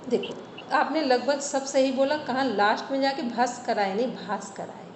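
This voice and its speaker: A high-pitched woman teaches over a video call, her voice ringing with a long hall echo. Faint noise sits behind her as she patiently corrects pronunciation and sets homework. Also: moderate pace. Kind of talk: online class instruction.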